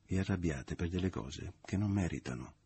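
A man's voice: sits low, moderate pace, husky, heavily acted. A man reading aloud, voicing a jovial, falsely good-natured man who teases his hosts at dinner. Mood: triumphant. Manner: loud and mocking.

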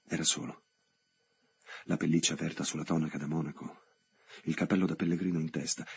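A man reading a literary novel aloud in a measured, dramatic way, with long pauses between phrases. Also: a bass voice, husky. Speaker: audiobook reader. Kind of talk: scripted literary narration.

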